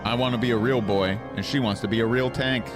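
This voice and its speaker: A man's voice: mid-range voice, steady tone, quick pace. A man chatting playfully and casually with viewers as he comments on his gameplay. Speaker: game streamer. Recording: game music behind the voice.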